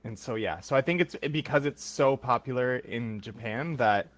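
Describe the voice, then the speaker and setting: A man's voice: medium pitch, moderate pace. A man from the United States chatting casually as a guest, talking freely with lots of fillers and restarts. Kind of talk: casual conversation.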